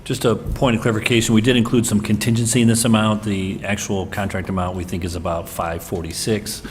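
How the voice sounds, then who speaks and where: Very deep-voiced man explaining costs. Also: level tone, brisk. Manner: matter-of-fact, explanatory. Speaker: city staff member explaining a project. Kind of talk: plain meeting explanation. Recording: long reverb in a council chamber, faint noise.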